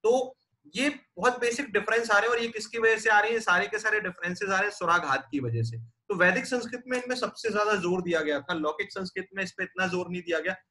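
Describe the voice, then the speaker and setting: Male lecturer from India, patient and explanatory, high pitch, repeats and demonstrates sounds. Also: fast, bright, forceful tone. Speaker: teacher. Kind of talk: classroom lecture.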